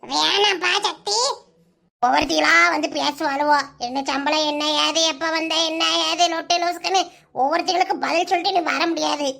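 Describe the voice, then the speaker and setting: A fussy village mother in a cartoon scolds in a squeaky, gravelly voice with a Kanyakumari Tamil accent, as a woman puts her on. Her tone is bright and sharp, and she keeps nagging at her grown son. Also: a little fast.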